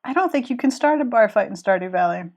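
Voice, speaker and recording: A woman with a cold chats casually while drawing on a live stream, rambling and restarting her sentences. Her voice is slightly high, animated and quick, with a darkish tone.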